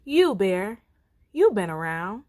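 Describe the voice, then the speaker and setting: Woman playing storybook lion king, male, loud, roaring, bossy, boastful, swooping pitch. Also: very animated, slow, no room sound, clean studio sound. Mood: demanding. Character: boastful, bullying male lion, self-proclaimed forest king.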